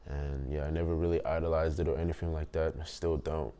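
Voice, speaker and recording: Very deep-voiced young man from Nigeria. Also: flat delivery, dark tone. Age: 20s. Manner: thoughtful, pausing often to rephrase. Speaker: interviewee. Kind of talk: reflective documentary interview.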